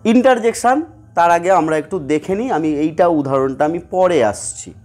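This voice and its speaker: A man with a Bengali accent teaches a grammar lesson in a fairly high voice. He explains patiently and keeps asking his students whether they follow. He reads out example sentences between the explanations. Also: expressive, moderate pace, a little mellow. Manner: explanatory, asks students questions, acts out sample sentences.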